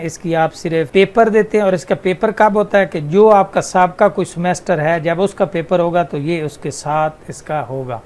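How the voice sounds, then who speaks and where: A man, walking viewers through exam rules step by step and repeating the key points. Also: high-pitched. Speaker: channel host explaining university exams. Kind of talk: casual screen-recorded tutorial.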